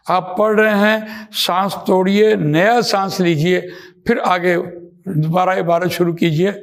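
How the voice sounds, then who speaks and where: Man, high-pitched, Quran teacher, measured, explains step by step, slows to recite. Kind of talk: religious lesson.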